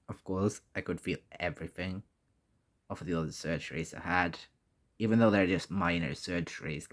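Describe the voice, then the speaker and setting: A man talking casually and candidly in a personal vlog, halting often and swearing mildly. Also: sits low, fairly bright tone. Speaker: vlogger.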